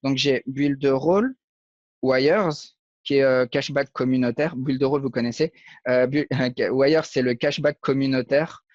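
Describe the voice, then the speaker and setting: A man's voice: mid-range voice, unhurried, darkish tone, no echo, highs cut off. A man from Portugal, a guest in a casual interview, speaking hesitantly with many fillers. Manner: hesitant, fillers, short laughs. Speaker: guest, affiliate marketer.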